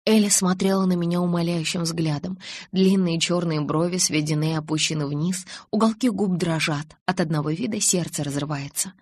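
A woman reading a first-person audiobook in an even, measured storytelling manner. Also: on the low side, slightly rough, no room sound. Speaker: audiobook narrator.

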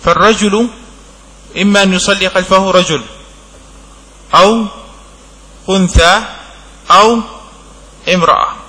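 A man teaching a religious law text in a classroom lesson, speaking in slow, broken-up phrases and checking understanding with short questions. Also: high voice, fairly even intonation, sharp tone, long reverb tail, rough recording. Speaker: sheikh teaching a fiqh text.

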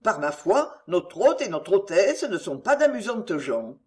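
A reader voicing a courteous English gentleman, posing as a lackey, speaking politely and firmly. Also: sits high, sing-song, measured pace. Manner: courteous, sometimes gruff.

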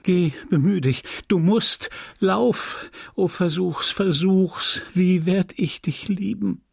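A man's voice: a little high, moderate pace, warm tone, husky, no room sound, clean studio sound, pitched above the performer's own voice. A man putting on a desperate, pleading young wife. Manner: urgent, imploring.

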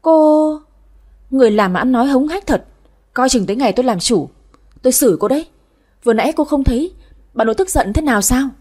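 A woman's voice: sits high, animated, brisk, pauses often, a little mellow, pitched above the performer's own voice. A woman voicing a haughty, scheming young woman who talks down to a servant. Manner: haughty, threatening.

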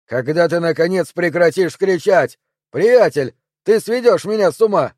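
An exasperated working-class neighbor in his thirties, shouting raised and loud through a closed door, as a man puts him on. His voice is pitched up and sharp with annoyance, but still mellow in timbre, recorded dry and close, in an audiobook thriller. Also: animated, moderate pace, dry recording. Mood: shouting irritated.

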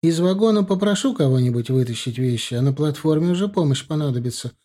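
A woman's voice: low voice, lively intonation, fast, dark tone, voice pushed up. A man voicing a chatty, practical older woman recovering from surgery, speaking firmly. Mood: lively.

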